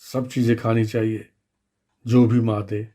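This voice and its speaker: A man, the author, telling his own story on children's radio, lively and speaking straight to the young listeners. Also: fairly low pitch, measured pace. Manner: lively, addressing children directly.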